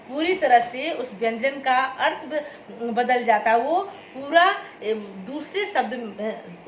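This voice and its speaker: A woman teacher giving a grammar lesson, patient, repeating key words and asking if it is clear. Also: high voice, roomy sound, highs cut off, a little hiss or hum. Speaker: school teacher. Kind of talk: classroom Hindi grammar lesson.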